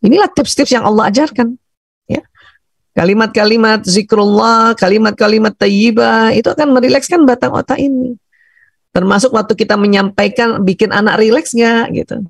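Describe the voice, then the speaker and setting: A man from Bugis Makassar speaks to a room of teachers and parents in a thick, loud, gravelly voice. He talks with animated energy and guides them through slow breathing. The sound is dry and close. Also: high-pitched, no echo. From Bugis Makassar, Indonesia. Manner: animated, laughs often, leads breathing exercises. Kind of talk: seminar talk to teachers and parents.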